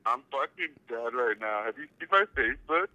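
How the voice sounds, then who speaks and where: A man's voice: medium pitch, animated, brisk, pushed and bright, dry recording. A man calling in over a phone held on speakerphone, chatting casually and swearing freely. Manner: laid-back, swears freely. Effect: heard over a phone on speakerphone. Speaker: caller. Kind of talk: casual chat. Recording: muffled speakerphone call.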